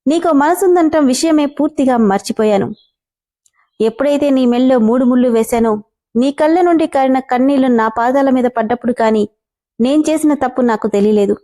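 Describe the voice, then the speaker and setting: A woman with a mellow, somewhat high voice reads a romance story aloud. She carries the dialogue of both lovers with emotional storytelling. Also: a little fast. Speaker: story narrator.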